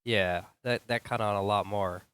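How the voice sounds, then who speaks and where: Colorado firefighter, man, low and smooth, talks slow and thoughtful. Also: fairly even intonation, a bit bright. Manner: thoughtful, hesitant with fillers. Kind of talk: casual book club chat.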